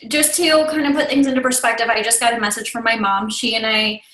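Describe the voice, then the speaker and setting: A woman's voice: a little high, steady tone, quick pace, echoey room, poor audio. A woman in her thirties, a team leader talking frankly on a video call, confiding and tearful, sniffling at times. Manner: warm, open, confiding, with small laughs. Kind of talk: casual talk on a video call.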